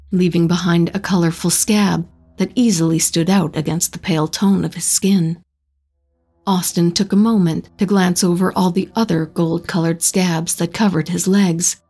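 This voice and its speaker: A woman narrating a horror short story in a slow, measured storytelling manner. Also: fairly low pitch, a little mellow, slightly rough.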